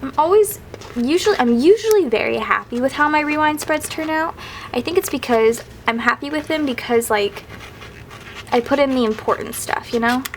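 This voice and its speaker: High-pitched and animated, a young woman talks at normal speed in her casual craft vlog, rambling a little as she works on her planner. She's sniffly from crying, and the audio is poor, with some hiss or hum.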